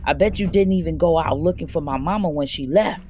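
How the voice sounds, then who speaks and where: A woman's voice: low-pitched, brisk, warm tone, soft background music, close to an everyday voice. A woman reading an audiobook and voicing a stubborn, heartfelt young girl who pleads and argues. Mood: defiant. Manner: pleading, defiant. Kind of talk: audiobook character voice.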